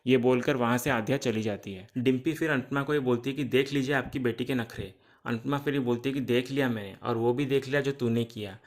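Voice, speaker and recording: A man's voice: medium pitch, fairly even intonation, fairly quick. A man narrating a TV serial recap in a casual tone, reporting each character's lines in turn, with occasional restarts mid-word.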